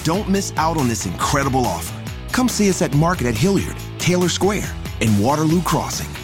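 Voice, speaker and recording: A man's voice: a little high, very animated, fairly quick, music in the background. A man reading a scripted radio ad in an upbeat promotional way. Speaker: ad announcer.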